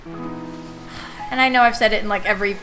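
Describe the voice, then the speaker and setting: A woman's voice: medium pitch, fairly even intonation, moderate pace, poor audio. A woman playing a story game, chatting and thinking aloud as she reads its dialogue. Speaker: let's play gamer. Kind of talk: casual gameplay commentary. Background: game soundtrack music.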